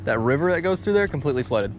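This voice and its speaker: A man's voice: a little high, very animated, very fast. Bro-talking man fishing outdoors, noisy background. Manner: frat-bro slang, hyped exclamations. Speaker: angler filming a fishing video. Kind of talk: casual fishing vlog chat. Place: outdoors by the water. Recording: outdoor recording with clear background noise.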